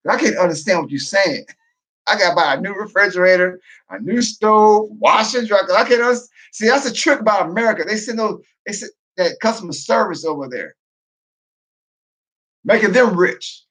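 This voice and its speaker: A man, a military veteran, talking in a loud, profane, casual monologue, breaking into laughter as he goes. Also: sits high, normal speed. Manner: loud, profane, laughing asides, animated rant.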